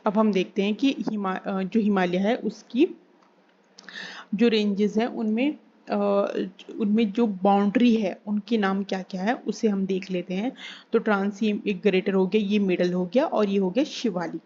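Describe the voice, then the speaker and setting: A woman's voice: medium pitch, fairly even intonation, mellow. Woman teaching, repeating key terms. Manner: repeats key terms slowly, asks and answers own questions. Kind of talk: exam-prep geography lesson. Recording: slightly dull recording with faint hiss.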